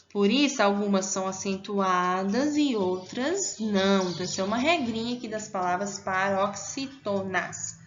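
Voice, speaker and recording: Brazilian woman, primary teacher, patient and encouraging with small pupils; slightly high voice, muffled home recording. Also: a bit bright. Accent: Brazilian Portuguese. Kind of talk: recorded online class.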